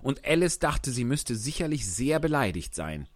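A man's voice: medium pitch, very animated, moderate pace. A man co-hosting a podcast, reading a novel aloud and then chatting casually with some hesitation. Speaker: podcast co-host and reader.

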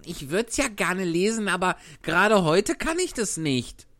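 A woman's voice: fairly low pitch, big pitch swings, a little slow, fairly bright tone, voice pushed down. A woman voicing a mischievous, eager wooden boy puppet who pleads and bargains. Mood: curious.

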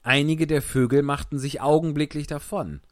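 A man reading a children's story aloud in an expressive manner, adding casual asides. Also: fairly high pitch, normal speed, dry recording, studio quality. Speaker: audiobook reader.

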